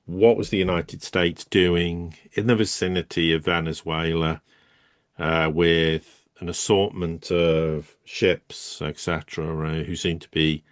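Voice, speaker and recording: A man's voice: low voice, level tone, unhurried, no room sound, clean studio sound. A man, co-hosting and giving emphatic, rambling geopolitical commentary. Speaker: co-host.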